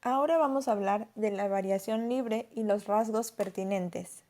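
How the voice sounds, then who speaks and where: Mellow-voiced woman teaching a lesson. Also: medium pitch, normal speed. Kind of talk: scripted lesson narration.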